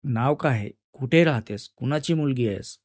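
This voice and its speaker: A man voicing an arrogant, bullying male police inspector who mocks and shouts threats in a storytelling reading. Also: mid-range voice, normal speed, dry recording, studio quality, close to an everyday voice. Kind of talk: Marathi story narration.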